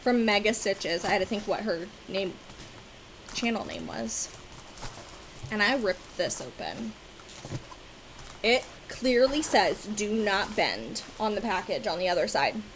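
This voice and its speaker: A woman vlogging about cross-stitch, chatting casually to camera and gushing with excitement, now and then breaking into loud exclamations. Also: mid-range voice, a little slow, pauses often, a little hiss or hum, poor audio. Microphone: on-camera mic, seated at desk with ring light.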